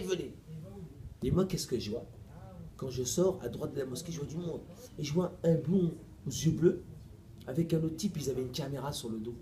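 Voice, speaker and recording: A middle-aged man, a preacher, tells a lively story to his audience, playful and animated, acting out every exchange. His voice sits a little high but stays warm and mellow. The echoey hall carries a faint background hum. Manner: animated, playful, laughs often, acts out dialogue. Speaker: preacher giving a lecture. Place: mosque. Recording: echoey room recording with faint ambience.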